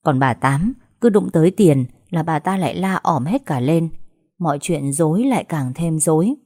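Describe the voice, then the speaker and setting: A young woman reading a dramatized audiobook story, acting out family quarrels by raising her pitch and volume. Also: animated, moderate pace, mellow.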